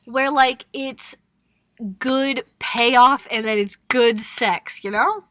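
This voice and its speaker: A woman's voice: a little high, takes it slowly, a little hiss or hum. A young woman co-hosting a podcast, recapping a novel in casual chat with lots of laughter and swearing. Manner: laughing, animated storytelling with expletives. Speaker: podcast co-host.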